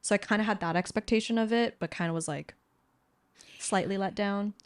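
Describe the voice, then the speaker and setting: A woman's voice: mid-range voice, brisk, dry recording. A woman co-hosting a podcast in casual chat, talking with lots of fillers and trailing off mid-thought. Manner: chatty, filler-heavy, trails off. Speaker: podcast co-host.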